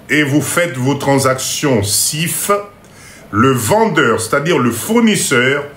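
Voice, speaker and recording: A man giving a live class on import-export, going slowly, repeating each point, checking that everyone follows, and joking about his own English. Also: a little high, fairly bright tone, echoey room. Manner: mixes in Lingala phrases and jokes about his English. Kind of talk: live online lesson.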